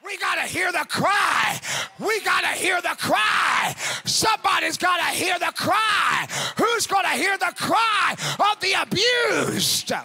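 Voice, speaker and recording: A man preaching a revival sermon as an evangelist, shouting his lines hard and fast. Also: lively intonation, some chatter behind. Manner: preaching in a high, bright, gravelly shout.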